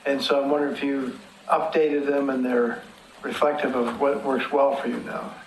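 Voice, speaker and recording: A man on a committee asking a slow, deliberate question at a public meeting. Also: medium pitch, flat delivery, slight background noise. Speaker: committee member. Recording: echoey room, a bit off-mic.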